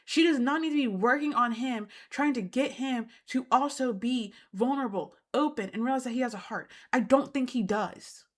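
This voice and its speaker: Woman ranting through a reality show recap, kinda high voice, says stuff twice for emphasis. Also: moderate pace, few pauses. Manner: indignant, emphatic, repeats for emphasis. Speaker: host.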